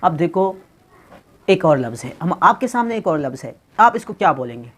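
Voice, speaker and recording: A man's voice: on the high side, sing-song, normal speed. Joking man teaching pronunciation. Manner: joking, teasing, addresses viewers as brother; mixes English phrases into his talk. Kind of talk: casual video lesson.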